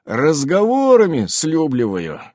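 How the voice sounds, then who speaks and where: A man voicing a calm, slightly boastful man who reassures and teases in a read-aloud story. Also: sits high, unhurried, slightly rough, no echo, clean studio sound, pitched above the performer's own voice, full character voice. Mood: reassuring.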